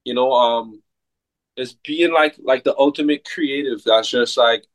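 A man's voice: mid-range voice, a little slow, no echo, low-quality recording. Guy chatting easy in an interview, lots of "like" and "you know what i mean", dry close sound. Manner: relaxed, laid-back, many fillers like "like" and "you know what I mean". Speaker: soca artist guest. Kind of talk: casual interview chat.

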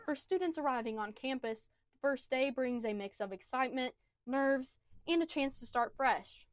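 High-pitched girl doing a news package voiceover, super dry close sound. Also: normal speed, no echo. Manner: upbeat, energetic narration. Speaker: student reporter. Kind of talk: news feature voice-over.

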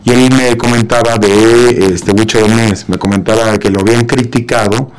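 A man's voice: mid-range voice, steady tone, moderate pace, clear, resonant tone. A man, co-hosting a talk show, telling anecdotes and often murmuring agreement. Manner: frequent agreeing backchannels, storytelling. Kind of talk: casual talk show chat.

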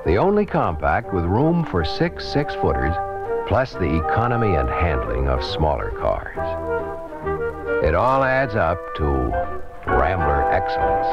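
A man's voice: very deep voice, big pitch swings, slow pace, pauses often. A man announcing a vintage commercial in an emphatic, salesy voice, heard from an old archival recording. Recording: dull lo-fi 1960s commercial with loud brass music.

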